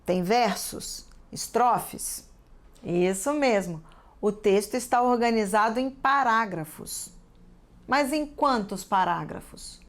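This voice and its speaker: Teacher lady w/ brazilian accent, talks real slow n clear to kids, keeps asking questions. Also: a little high, lively intonation. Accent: Brazilian Portuguese. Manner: slow, careful, asks the class many questions. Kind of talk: scripted TV lesson for children.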